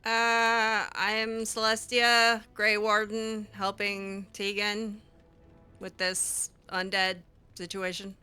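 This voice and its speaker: A woman improvises in-character dialogue as a video game heroine, dry, sardonic and hesitant. Her mid-range voice is clean and sharp, with a level tone and a slow pace.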